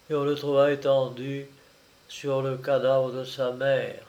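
A man narrating a novel aloud in a slow, grave, expressive reading. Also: mid-range voice, low-quality recording.

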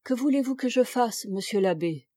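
A woman reads a meek, frightened noblewoman in a storybook, tearful, faltering and pleading. The voice is high and mellow, recorded close and dry. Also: measured pace, dry recording, natural voice. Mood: despairing.

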